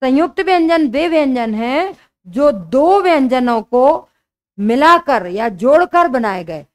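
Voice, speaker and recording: A high-voiced young woman teaches an exam-prep grammar lesson. She speaks slowly and deliberately, repeating each key point so it sticks. Her delivery is patient and explanatory. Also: big pitch swings.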